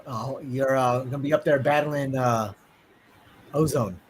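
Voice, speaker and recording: A man's voice: medium pitch, fairly even intonation, measured pace, a little hiss or hum. A man hosting a casual podcast, reading out news items in a loose, chatty way with plenty of fillers. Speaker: podcast host.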